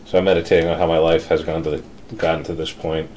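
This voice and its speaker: A man playing a tabletop game, talking in a rambling, halting way and breaking into laughs. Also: a bass voice, flat delivery, darkish tone, a little hiss or hum. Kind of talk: casual in-character game chat.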